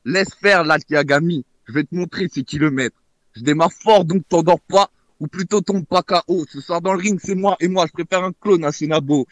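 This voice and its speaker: Young man, rap battle contestant, taunting punchlines, fairly high voice, dry sound. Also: moderate pace, dry recording. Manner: taunting, punchline-heavy delivery. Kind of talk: rapping a clash verse.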